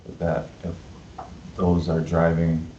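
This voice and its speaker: A man from a wastewater utility explaining things at a public meeting, pausing often with fillers. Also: deep voice, completely flat delivery, dark tone. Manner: hesitant, filler-heavy explaining. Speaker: wastewater utility staff member. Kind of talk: meeting discussion. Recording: echoey, dull meeting recording with faint hiss.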